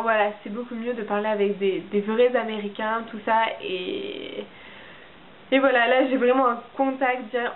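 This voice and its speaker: Young French woman, au pair vlogger, higher voice, hesitant delivery; tinny lo-fi recording. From France. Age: young adult. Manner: hesitant, many fillers and restarts. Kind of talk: casual monthly update vlog. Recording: tinny phone-like audio with faint hiss.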